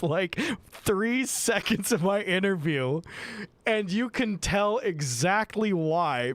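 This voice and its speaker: A man live-streaming from home, telling a wild story in an excitable, profane rush and tossing in quick voices for other people. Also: high voice, no room sound.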